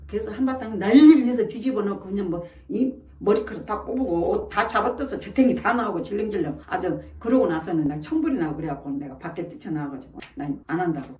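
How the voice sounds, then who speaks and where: A woman's voice: medium pitch, mellow. A woman sharing a life story in a casual, emphatic and heated way, speaking straight to her viewers. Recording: echoey room, voice somewhat far from mic.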